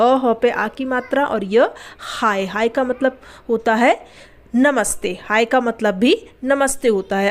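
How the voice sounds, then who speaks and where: A young woman teaching a beginner English lesson, spelling each word out slowly and answering her own questions. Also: on the high side. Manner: patient, spells words letter by letter, asks and answers own questions. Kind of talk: spoken language lesson.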